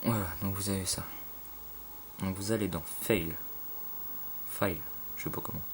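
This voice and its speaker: A man casually talking through a game tutorial, halting with fillers and loose slang, filmed on a phone at a home computer. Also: low-pitched, steady tone. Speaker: gaming tutorial maker. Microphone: phone filming a screen. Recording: phone recording with faint room noise.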